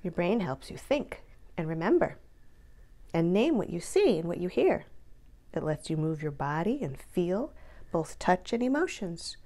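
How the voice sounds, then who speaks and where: Reading a children's book aloud, a woman with a low-ish voice is expressive and deliberate, drawing out key words to stress them.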